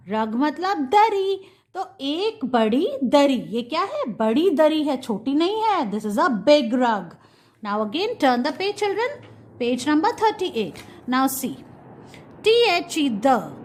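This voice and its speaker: Slow, high-voiced Indian woman teaching. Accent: Indian English. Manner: slow, spelling out words letter by letter and explaining in Hindi. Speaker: kindergarten teacher. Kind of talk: online English lesson.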